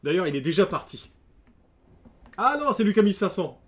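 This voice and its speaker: A man's voice: high voice, sing-song, a little fast. Chatty male game streamer. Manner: chatty, joking asides to chat. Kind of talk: casual live-stream commentary.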